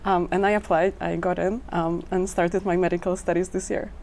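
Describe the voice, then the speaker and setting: A woman's voice: lowish voice, little pitch movement, moderate pace, a little mellow, a little hiss or hum. A woman from Poland, a medical student, answering panel questions hesitantly with frequent fillers.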